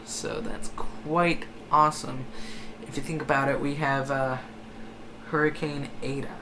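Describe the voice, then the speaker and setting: Noticeable background noise runs under this live hurricane coverage, where the host hesitates over the forecasts and frequently corrects themselves. The voice is medium in pitch, level in tone and unhurried.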